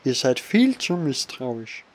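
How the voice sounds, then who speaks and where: A man voicing a smooth, guarded male informant in a pirate game, reading the lines aloud with animated delivery. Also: medium pitch, slow.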